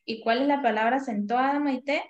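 A woman's voice: high voice, fairly even intonation, normal speed, highs cut off. A woman teaching a primary class over a video call, patiently calling on pupils by name and drilling syllables. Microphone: video call microphone.

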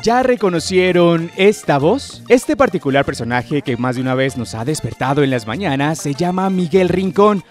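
A man's voice: on the high side, animated, moderate pace, hardly any pauses. A man narrating a scripted television feature as its reporter. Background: background music.

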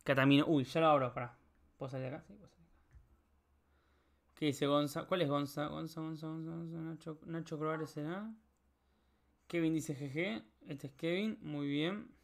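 A man's voice: on the high side, fairly even intonation, moderate pace, gravelly, pauses often. A young man with a Rioplatense Spanish accent, chatting casually on a live stream while he solves a puzzle, rambling, joking and swearing. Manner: rambling, joking, swears a lot, talks to chat.

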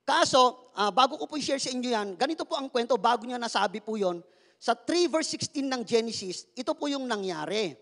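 Very high-voiced male pastor, reverberant. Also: expressive, brisk, creaky, a bit bright. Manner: playful, joking with the congregation and asking for responses; mixes English phrases into speech. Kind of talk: sermon.

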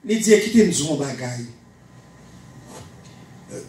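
A middle-aged man with a Haitian Creole accent, preaching a sermon into a handheld microphone in a small church hall, often shouting and repeating phrases for emphasis. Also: a little high, expressive, normal speed. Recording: echoey church room, camera from a distance.

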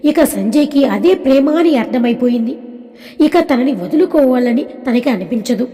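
A woman narrates a scripted audio story in a steady, even storytelling manner. Her voice sits fairly high with a warm, mellow tone. The recording carries a long hall reverb. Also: normal speed.

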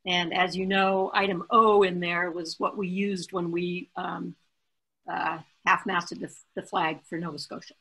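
A woman runs a council meeting over a video call, with a bright tone and a slightly husky edge. She moves through motions briskly and cracks small jokes along the way. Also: fairly low pitch, little pitch movement, rough recording. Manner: joking, brisk, chatty. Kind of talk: casual meeting chairing.

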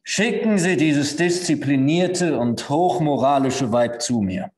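A man's voice: a little high, slow pace, a little mellow. A man voicing a blunt, weary army captain who grumbles in exasperation, read aloud in a story. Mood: exasperated. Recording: echoey hall.

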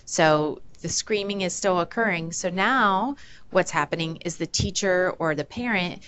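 A woman with a somewhat low voice gives a lecture on child behavior. She explains patiently and playfully acts out what children say. A faint hum of noise sits behind her. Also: unhurried, a bit bright. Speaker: behavior analyst presenter. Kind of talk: conference talk.

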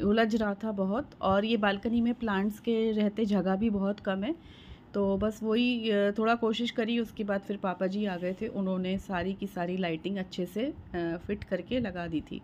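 A woman in her thirties vlogs casually from home in a mid-range, darkish voice with lo-fi sound, showing items one after another and using many fillers. She starts in a bright room, later goes to a balcony, and the phone picks up clear background noise.

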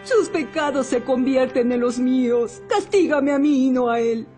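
A woman plays a devout soap-opera mother who prays fervently and beseechingly in a high voice. Soft music plays quietly beneath her. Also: moderate pace, lightly acted. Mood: praying.

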